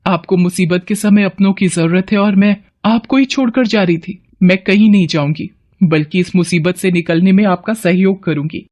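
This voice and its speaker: A woman's voice: mid-range voice, normal speed, darkish tone, close to an everyday voice. A woman voicing a weary, fed-up village wife in a cartoon, complaining and pleading. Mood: remorseful. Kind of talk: cartoon voice acting.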